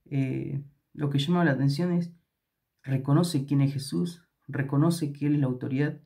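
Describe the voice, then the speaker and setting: A man's voice: mid-range voice, steady tone, moderate pace, vocal fry, dark tone. Hesitant Argentine man in Bible study. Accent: Argentine Spanish. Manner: hesitant, many fillers and restarts. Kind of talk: Bible study reading and commentary.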